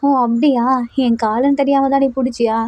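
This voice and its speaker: A woman voicing a drunk, brash young man who shouts petulantly at a club DJ, in a storytelling reading. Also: high voice, fairly even intonation, fairly quick, dry recording, natural voice. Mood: drunk, defiant.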